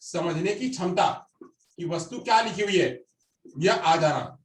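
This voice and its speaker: Man, teacher, classroom lecture, repeats phrases, quizzes the class, high voice, roomy distant recording. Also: measured pace.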